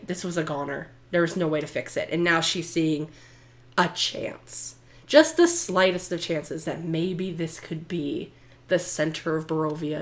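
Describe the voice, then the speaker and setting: Low-pitched woman running a tabletop game. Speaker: game master. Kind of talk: improvised tabletop game narration and chat.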